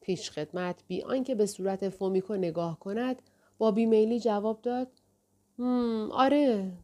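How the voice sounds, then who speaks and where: Woman audiobook narrator, warm mellow tone, calm steady delivery. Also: medium pitch. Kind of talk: scripted narration.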